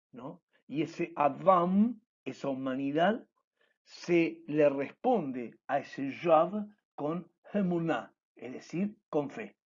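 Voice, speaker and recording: Slow, deliberate man teaching. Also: on the high side, husky. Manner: slow, explanatory, repeats key words. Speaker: church class teacher. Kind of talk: recorded online lesson. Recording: dull lo-fi recording.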